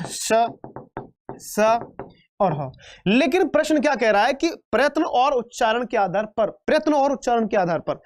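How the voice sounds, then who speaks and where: A man teaching an online exam-prep grammar class, chatty and joking, calling students beta and repeating terms back as questions. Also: sits high. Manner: playful and chatty, calls students beta, throws in jokes; repeats terms and quizzes the viewers. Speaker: Hindi teacher.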